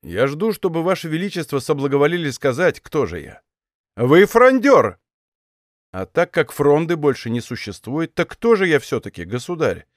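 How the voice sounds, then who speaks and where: A man voicing a calm, defiant veteran musketeer captain in an audiobook, speaking low and restrained. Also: fairly quick, few pauses, no echo, studio quality. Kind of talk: audiobook character voice.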